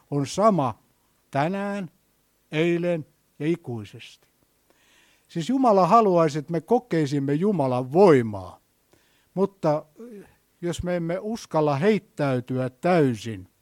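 A man with a voice on the higher side preaches a sermon, telling a story and posing questions to his listeners. His volume swings between hushed and loud.

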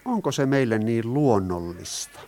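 A man preaching a sermon to a congregation, earnest and explanatory. His voice sits at an ordinary middle pitch. He often turns to his listeners with questions. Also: lively intonation, darkish tone.

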